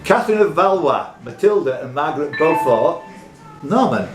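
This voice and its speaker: This quiz host's voice is on the high side and sing-song, moving at a moderate pace as he reads questions and teases contestants at a live pub quiz. Music plays behind him, and the echoey pub room is filled with the noise of the quiz crowd.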